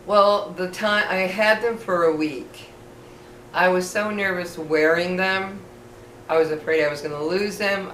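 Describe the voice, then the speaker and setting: A middle-aged woman with missing teeth that soften her F sounds, telling casual, rambling, self-deprecating personal stories to camera. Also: low voice. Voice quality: slightly slurred speech from missing teeth, trouble with F sounds. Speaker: vlogger. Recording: echoey room, distant mic, faint noise.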